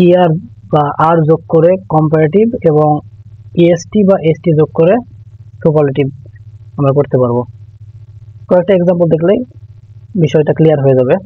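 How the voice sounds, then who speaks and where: A man with a slightly high voice teaches grammar at a steady, patient pace, repeating each rule and pausing now and then to think. The sound is thin and phone-like, recorded close in a dry room with no echo. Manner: patient, repeats key rules, thinks aloud. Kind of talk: explanatory online lesson.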